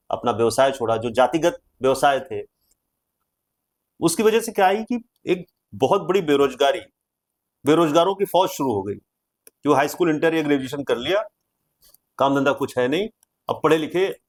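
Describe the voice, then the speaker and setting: A male interviewer asking respectful questions, addressing his guest with an honorific. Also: a little high.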